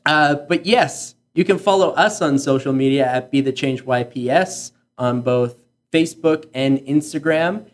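A man's voice: fairly high pitch, a little slow. A man co-hosting a podcast, talking in a rambling, jokey way with many restarts and asides. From Canada. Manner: rambling, self-interrupting, jokey. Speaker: podcast co-host. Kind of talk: casual chat.

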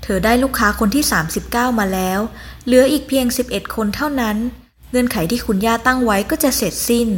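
A woman's voice: fairly high pitch, fast. Woman reading a story aloud. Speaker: audiobook narrator. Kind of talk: scripted narration.

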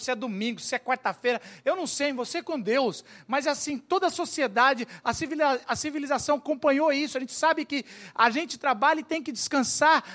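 A man preaching a sermon, telling the story in a lively, humorous way and acting out the characters' voices. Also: extremely high pitch. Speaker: pastor.

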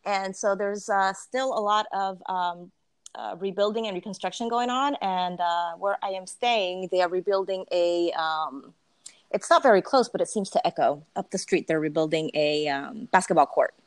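A woman hosts a podcast over a remote call while staying in Puerto Rico, chatting casually and bubbly with plenty of laughter and fillers. Her voice is lowish at a moderate pace, with no echo.

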